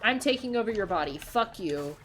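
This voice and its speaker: A woman streamer chatting casually while she plays a game, rambling excitedly and swearing freely. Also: medium pitch, brisk, a little hiss or hum. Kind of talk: casual live-stream chat while gaming.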